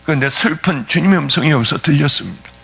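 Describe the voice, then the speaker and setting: A man's voice: on the high side, lively intonation, fast, gravelly, fairly bright tone, faint music behind. A male pastor giving a fervent, emotional testimony sermon, telling his story with sudden swings of feeling.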